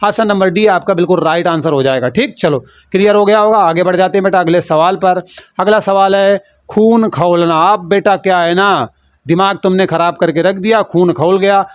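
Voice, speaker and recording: A man's voice: high-pitched, normal speed, no echo, dull audio. A man teaching a lesson for an exam, explaining in a playful, teasing way and calling the students "beta".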